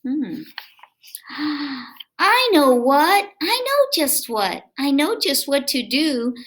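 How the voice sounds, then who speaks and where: Her voice sits high and her pace is slow as a woman reads a picture book aloud to children, stretching words expressively and asking the kids chatty questions along the way.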